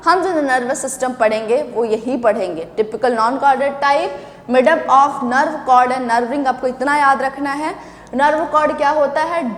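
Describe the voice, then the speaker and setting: High-voiced woman teaching biology in a hall. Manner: explains step by step, repeats key terms and asks the class questions; drawn-out emphasis on technical words, then bursts of quick speech. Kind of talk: classroom lecture mixing Hindi and English.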